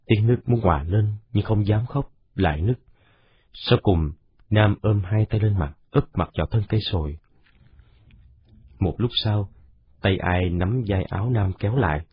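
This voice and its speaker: Male storybook narrator, steady, unhurried, dry close sound, dull lo-fi recording. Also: on the low side, breathy edge, no room sound.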